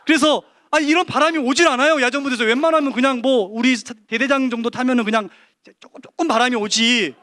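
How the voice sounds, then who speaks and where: A man giving a lively testimony at a church service, telling an animated story full of quoted dialogue. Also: very high voice, quick pace, no room sound. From Korea.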